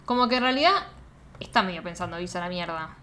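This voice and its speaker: A young woman with an Argentine accent, co-hosting a casual reaction podcast in an animated, slangy way. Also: fairly low pitch, fast. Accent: Argentine Spanish. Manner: animated, slangy, laughing asides. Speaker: podcast co-host.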